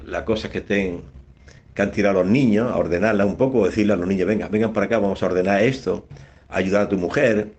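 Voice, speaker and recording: A man, a priest, giving a radio homily that rises in pitch on key words, with many rhetorical questions. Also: darkish tone. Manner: preaching, rising in pitch on emphasis, rhetorical questions. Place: radio studio.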